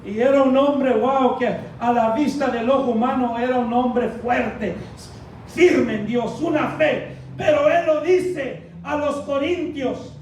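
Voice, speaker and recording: A man's voice: very high voice, steady tone, slow, a little mellow, distant mic. A male Pentecostal pastor preaching a fervent sermon, often calling out to the congregation as brothers and crying hallelujah. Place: church. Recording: echoey hall miked from afar, faint noise.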